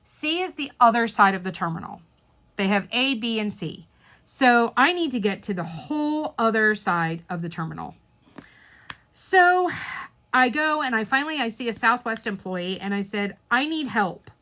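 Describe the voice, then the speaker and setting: A woman hosting a crafting chat channel, telling a story straight to her viewers in an expressive, chatty way. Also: fairly high pitch, normal speed. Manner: chatty and expressive, with swings in volume; speaks right to viewers.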